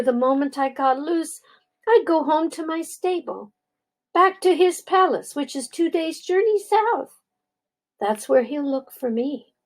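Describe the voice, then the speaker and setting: Grandma doing a proud, bossy talking war horse. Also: female voice, high-pitched, pitched above the performer's own voice, poor audio. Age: older. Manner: scornful, bossy, then gently coaxing.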